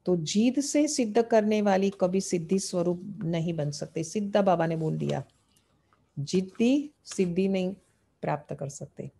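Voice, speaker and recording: A woman gives a devotional talk in a mellow, warm voice. She poses questions to her listeners and answers them, returning again and again to the same phrases. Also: fairly low pitch, lively intonation, a little slow, vocal fry, slightly rough. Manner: asks rhetorical questions and answers them, repeating key phrases. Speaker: spiritual teacher. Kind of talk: devotional sermon explaining scripture.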